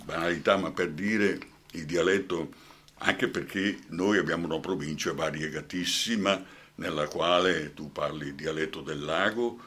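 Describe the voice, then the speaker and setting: A man's voice: rumbling low, normal speed, fairly bright tone. An older man with a Brescian accent, an actor guest in a radio interview, talking passionately and often asking "hai capito?".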